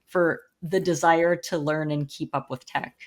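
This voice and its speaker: A woman in her forties speaking as a podcast guest, frank and eager. Her voice is somewhat low, and her talk is full of casual fillers. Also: steady tone, measured pace. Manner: enthusiastic, frank, many fillers.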